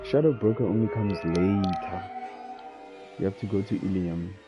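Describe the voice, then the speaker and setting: A man's voice: low voice, normal speed. A man giving casual, offhand, joking commentary while playing a game. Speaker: gamer. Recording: dull lo-fi mic over game music.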